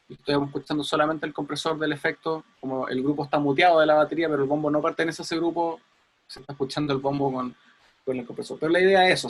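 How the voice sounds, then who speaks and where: A man's voice: a little high, slight background noise. Chatty man teaching audio mixing. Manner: chatty, explains with everyday comparisons and sound words. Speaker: audio engineering instructor. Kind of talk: casual online class over video call.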